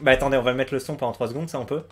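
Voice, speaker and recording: Talking rapid-fire at a medium pitch with fairly even intonation, a young man reacts casually to a music video. He's in his room at home with the door closed, and his speech is hesitant, packed with fillers and restarts.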